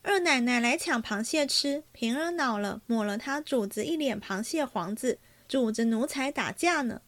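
A woman reading aloud, voicing a cheeky, quick-witted young maidservant with playful retorts. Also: fairly high pitch, expressive, close to an everyday voice.

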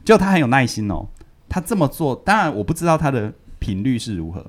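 A man's voice: medium pitch, fast talker. A man, casually retelling a story from a book on a podcast, repeating words and laughing as he goes. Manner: animated, repeats words, laughs while telling. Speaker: podcast co-host reviewing a book.

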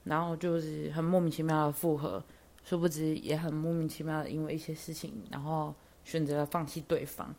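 A young woman tells a personal story on her podcast in a chatty, rambling way. Her voice sits low for a woman, and she leans on fillers as she goes. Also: a little fast, vocal fry. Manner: chatty, lots of fillers, animated when excited. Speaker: podcast host.

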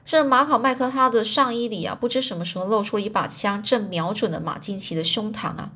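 A woman casually retelling a story, chatty, pausing to explain hard words, with many fillers. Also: mid-range voice, pushed and bright.

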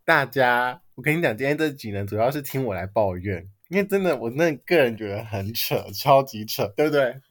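Young man, Taiwanese Mandarin accent, podcast host, rapid excitable venting, pitch swinging widely. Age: young adult. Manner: animated, complaining, frequent laughter. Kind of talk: casual chat.

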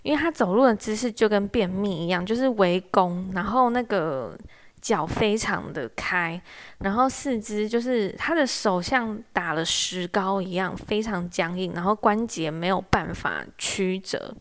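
A young woman, telling a story in a casual monologue. Her voice sits at an ordinary middle pitch. She sounds wry and exasperated, and she acts out the lines of the people in her story. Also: unhurried. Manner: animated, wry and exasperated, acts out quoted speech. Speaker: office worker telling a story.

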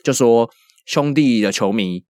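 A man's voice: mid-range voice, measured pace, clear, resonant tone, no echo, studio quality. A man with a Taiwanese Mandarin accent chatting casually and jokingly as a podcast host. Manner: animated, joking. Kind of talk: casual chat about baseball news.

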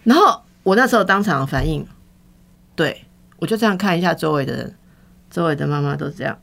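This is a woman in a relaxed podcast conversation. Her voice sits somewhat low for a woman. She tells a personal story candidly and animatedly, slipping into the voices of the people she quotes. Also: fairly quick, gravelly. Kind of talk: casual chat, personal storytelling.

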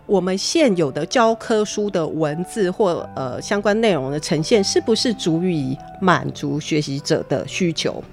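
A woman with a fairly low voice talks through how courses are built, pausing on fillers as she goes. Faint music sits under her speech. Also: lively intonation, darkish tone. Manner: explanatory, frequent hesitation fillers. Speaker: guest, university digital teaching staff. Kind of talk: conversational interview explanation.

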